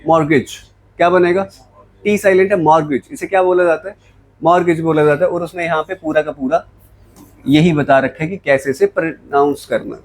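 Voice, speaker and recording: A man with a fairly high voice teaches English vocabulary in a classroom lecture. He switches between Hindi and English and keeps asking his students questions that he answers himself. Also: fairly even intonation, fairly quick, rough recording. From Jammu, India.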